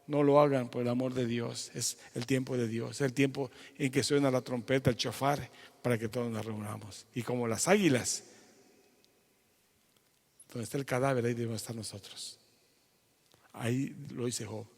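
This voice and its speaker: An older man preaching a sermon to viewers at home, swinging between loud exclamations and quiet pleading. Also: medium pitch, fairly even intonation, moderate pace, creaky, long reverb tail. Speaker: pastor. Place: church hall, streamed to viewers at home.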